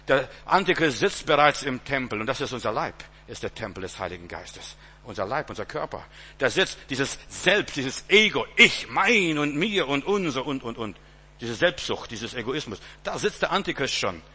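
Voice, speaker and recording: A middle-aged man preaching a sermon, emphatic, rising loud and dropping soft. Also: a little high, slightly rough.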